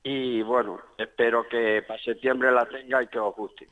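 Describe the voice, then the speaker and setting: Brief: male caller, folksy and relaxed, mid pitch, dry sound. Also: moderate pace, no room sound, narrow, tinny audio. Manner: easygoing and folksy. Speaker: caller, musician. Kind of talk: phone chat with host.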